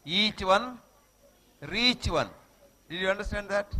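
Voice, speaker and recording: A man's voice: sits high, expressive, takes it slowly, pushed and bright. A man with a Telugu Indian accent giving a motivational talk to children, speaking emphatically, repeating short maxims and checking that his listeners follow. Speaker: guest speaker addressing schoolchildren.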